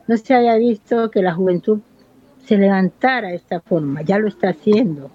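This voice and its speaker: On a muffled recording, a woman with a mid-range, slightly rough voice talks a little fast. She's in her fifties, lives in Buenaventura, Colombia, and speaks with earnest passion in an interview about her life and community.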